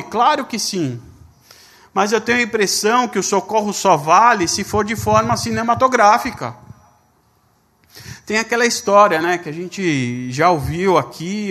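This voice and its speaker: A man preaching a sermon as a pastor, reading scripture slowly and telling stories with voiced dialogue. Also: high voice, fairly bright tone. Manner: storytelling with quoted dialogue.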